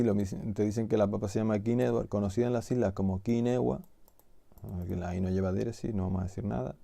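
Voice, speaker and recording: Gravelly, indignant Canarian man. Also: mid-range voice, mellow, no room sound. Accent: Canarian Spanish. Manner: indignant, full of rhetorical questions. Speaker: video host. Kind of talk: casual explanatory monologue.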